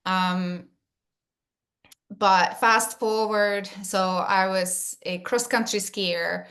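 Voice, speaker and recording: Casting: woman from Finland, slow and friendly podcast guest. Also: medium pitch, fairly even intonation, fairly bright tone. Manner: friendly, thoughtful, many ums. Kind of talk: interview answers.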